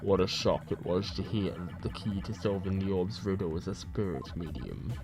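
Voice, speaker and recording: Man putting on a shadowy phone villain, deep pitch-shifted voice changer, very low, calm and formal, coolly menacing, faint music behind. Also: normal speed. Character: mysterious scheming male villain on the phone. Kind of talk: let's play voice acting of game text.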